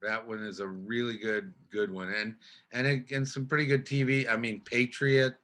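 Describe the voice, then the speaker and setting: Bright-voiced older man, halting and rambling. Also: mid-range voice, level tone. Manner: rambling, halting storyteller with many restarts. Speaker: guest actor. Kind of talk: casual podcast chat.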